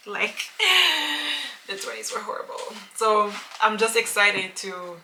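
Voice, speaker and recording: Woman, late twenties, vlogger. Bright, forward voice; rambling chatter full of fillers. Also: mid-range voice, slight background noise, rough recording. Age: late 20s. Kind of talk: casual vlog chat to camera.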